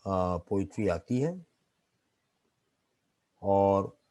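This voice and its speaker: A man's voice: low-pitched, animated, extremely slow, mellow, dry recording, rough recording. A man teaching an online literature class. He explains patiently, mixes English terms into his talk, and keeps checking in with his students.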